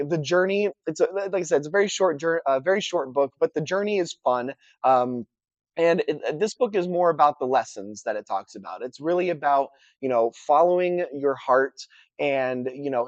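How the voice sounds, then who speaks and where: A book reviewer with a medium-pitched voice, nasal and congested, talks casually through the books he read for his vlog. He's relaxed and chatty, using many fillers and restarting often, with no room sound in the recording.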